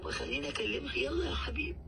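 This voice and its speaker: A woman's voice: high-pitched, big pitch swings, very fast, creaky, a bit bright. A middle-aged Egyptian mother speaking on the phone, anxious and coaxing. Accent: Egyptian Arabic. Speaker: caller's target, a mother. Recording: noisy phone line.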